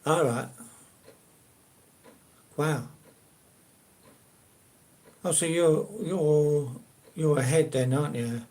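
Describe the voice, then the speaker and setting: Hosting his own live stream, an older South London man with a Cockney-ish accent chats casually and hesitantly with viewers. His voice is slightly high and a little mellow, and he speaks very slowly with long pauses, rambling through many fillers and restarts.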